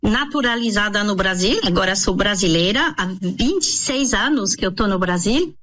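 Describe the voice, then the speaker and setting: A middle-aged Frenchwoman, a native French speaker with a French accent, explains things as an expert guest in an interview, halting and repeating words as she searches for them. Her medium-pitched voice is animated and fairly bright.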